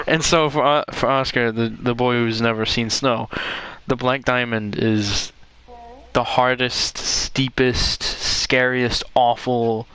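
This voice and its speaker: A young man hosting a podcast, telling a story in casual chat with lots of swearing and shouted reenactments. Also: medium pitch, steady tone, slow pace, smooth. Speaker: podcast host.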